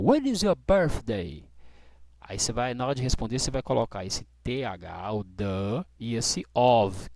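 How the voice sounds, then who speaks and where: A man teaching English dates, who explains patiently and slows right down to model each English phrase. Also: a little high, no room sound. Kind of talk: classroom explanation.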